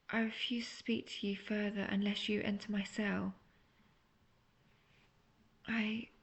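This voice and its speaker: In a fantasy audio roleplay, a woman voices an imprisoned witch who is manipulative and seductive, speaking intimately in a breathy near-whisper with a mid-range voice.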